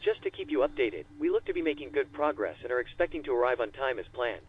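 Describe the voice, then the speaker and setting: A man's voice: medium pitch, fast talker, husky. A man voicing an airline captain giving formal, courteous announcements from the cockpit over the cabin speaker. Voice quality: formal, courteous, even delivery. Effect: cockpit announcement over a tinny cabin speaker. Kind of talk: scripted in-flight announcement. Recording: tinny phone-like in-game audio.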